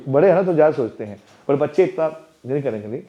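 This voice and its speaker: With a fairly high pitch, lively intonation, and a quick pace, a man serving as temple president leads a spiritual talk for parents, playfully and chattily tossing questions to the audience. The recording sounds dull and lo-fi.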